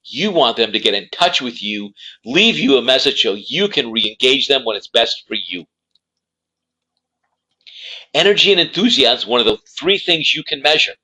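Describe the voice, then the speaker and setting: This career coach, a man with a medium-pitched, pushed and bright voice, talks to camera in a rough recording. His instructional advice is delivered emphatically, with key words repeated for stress.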